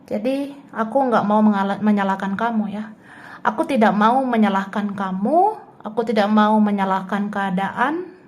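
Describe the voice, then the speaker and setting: A woman's voice: mid-range voice, animated, moderate pace, darkish tone. A woman doing a casual tarot reading who chats freely, laughs often and speaks the other person's thoughts in the first person. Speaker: tarot reader.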